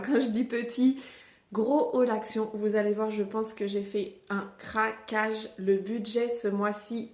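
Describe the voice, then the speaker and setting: A woman's voice: medium pitch, reverberant, a little hiss or hum. A woman in her thirties chatting through a casual shopping haul video, showing items one by one. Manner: chatty, lively, shows products one by one. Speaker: vlogger. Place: home.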